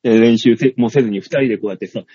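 A middle-aged man hosting a chat show, telling a comedy story in a casual, animated way and acting out the scenes. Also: on the low side, rapid-fire, husky, dry recording. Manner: animated, acts out scenes, laughs at his own story. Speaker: comedian and radio show host. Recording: dull, dry studio sound.

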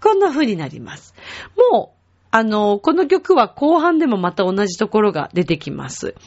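A woman gives a patient singing lesson, demonstrating each sound before her listeners try it. Her pitch moves around a lot as she explains, climbing high and dipping low. The recording sounds slightly dull and lo-fi. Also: big pitch swings, moderate pace, darkish tone. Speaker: singing teacher. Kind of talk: vocal lesson. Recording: dull lo-fi web show audio.

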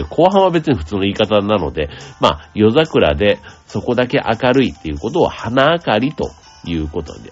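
A man hosting a radio show, explaining things in a gentle, chatty way with many asides and fillers. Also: lowish voice, husky, dull audio. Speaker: radio host. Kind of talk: casual explanatory radio talk.

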